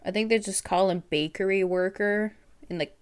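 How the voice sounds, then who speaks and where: A woman hosting a relaxed movie reaction video, tired and yawning, rambling with lots of "like.". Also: medium pitch, moderate pace, clean tone. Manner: relaxed, rambling, says "like" a lot. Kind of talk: casual movie reaction chat.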